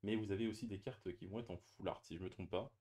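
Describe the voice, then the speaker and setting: A man's voice: on the low side, steady tone, fast, warm tone. A man chatting casually as he opens trading card boosters on camera, hesitant with many fillers and restarts. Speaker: card-opening YouTuber. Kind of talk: casual unboxing commentary.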